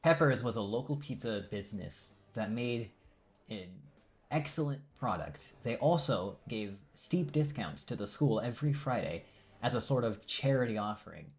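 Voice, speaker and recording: A man's voice: mid-range voice, expressive, normal speed. Man reading a game aloud, stumbling. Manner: stumbles and self-corrects, drowsy. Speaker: streamer. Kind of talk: reading a visual novel aloud.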